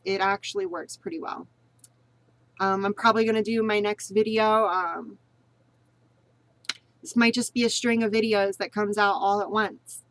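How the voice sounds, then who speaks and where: In a medium-pitched voice with no echo around it, a woman vlogger teaches voice training casually, rambling and going over points again in an earnest, encouraging way.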